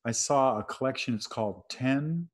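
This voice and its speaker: Middle-aged guy hosting over webcam from home, easygoing, mid pitch. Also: expressive, normal speed. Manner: easygoing, conversational questions. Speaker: host. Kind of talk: casual video-call interview. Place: home room with shelves. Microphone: webcam on video call.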